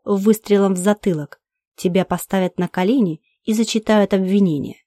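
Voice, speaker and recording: Woman playing a cruel male interrogator, slow, menacing, mellow dark voice, dry sound. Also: medium pitch, no echo, lightly acted. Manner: slow, level, menacing delivery. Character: cold cruel male alien interrogator, commanding. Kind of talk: audiobook character voice.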